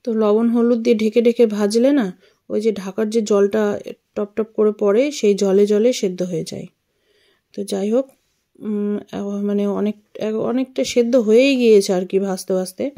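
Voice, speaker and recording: A woman's voice: mid-range voice, steady tone, normal speed, mellow. A woman, chatting casually in a home kitchen as she cooks. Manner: chatty, homely, talks while cooking. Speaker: vlogger. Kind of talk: casual cooking vlog chat.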